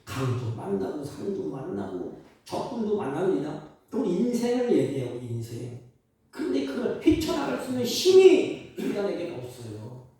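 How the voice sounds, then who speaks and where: A male pastor preaches in a high, lively voice that leaps up and drops away. He is emphatic, trading loud declarations for hushed asides. The sound rings through a very echoey church, picked up from a distance. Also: moderate pace. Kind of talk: sermon. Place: church sanctuary.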